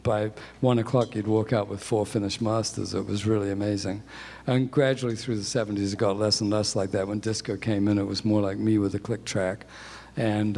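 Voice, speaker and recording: A man's voice: fairly low pitch, darkish tone, long reverb tail. A man in his sixties, born in England and raised in New Zealand, talking about his career in a chatty, self-deprecating way as an interview guest. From born in England, grew up in New Zealand. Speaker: guest, music industry executive. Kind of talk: conversational interview.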